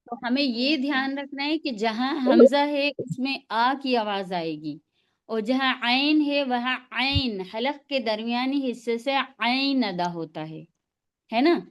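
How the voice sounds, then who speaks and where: Teaching pronunciation online via video call, this tajweed teacher's voice sits high. She patiently demonstrates every sound for her students to echo back.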